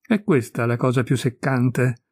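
A man voicing a listless, resigned idler of thirty-three who looks old, speaking in a flat, unhurried way. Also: mid-range voice, slightly rough, no echo, studio quality.

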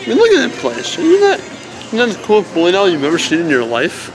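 A man's voice: sits high, wildly swooping pitch, quick pace, vocal fry, crowd noise. A young man vlogging and joking with friends on a phone camera in a bowling alley. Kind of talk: casual chat. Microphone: handheld phone camera.

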